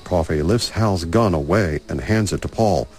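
A man's voice: low-pitched, normal speed, a little mellow. A man reading scripted present-tense narration that describes the action of a film scene. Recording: film soundtrack music behind. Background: film score music.

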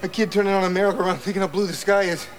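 A man's voice: high-pitched, fairly even intonation, very fast, natural voice. An actor playing a young Belfast man with a violent past, speaking in a Northern Irish accent, urgent and clipped. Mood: confessional. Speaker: film character.

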